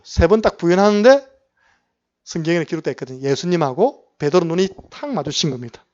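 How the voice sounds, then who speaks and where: A man's voice: on the high side, a little mellow. A male pastor with a Gyeongsang Korean accent preaches in a church, telling a Bible story with a slightly raised voice. He keeps asking the congregation questions as he goes. The recording is somewhat dull and lo-fi. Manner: storytelling preacher who asks the congregation questions and acts out quotes. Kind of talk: sermon. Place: church sanctuary.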